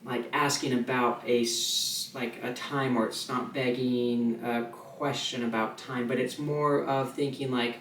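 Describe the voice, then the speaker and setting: A man teaching sign language in a relaxed, chatty way, with fillers and restarts, slowing down to mouth his example sentences. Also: mid-range voice. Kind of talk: casual instructional video. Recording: echoey room, voice a little far from the mic, faint ambient noise.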